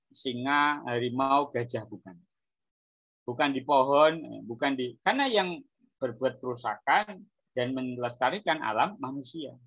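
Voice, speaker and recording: A man's voice: mid-range voice, fairly bright tone, no echo. Male Islamic teacher, dry close sound, lectures a congregation and quizzes them with questions. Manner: asks the audience questions and answers them himself; recites Arabic verses slowly.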